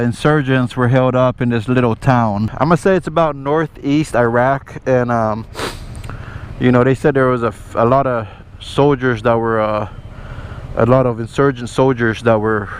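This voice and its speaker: A motorcycle vlogger and army veteran tells rambling stories to camera while riding in traffic, with plenty of swearing and frequent check-ins with the listener. His pitch is medium, and the engine and road traffic are audible behind him.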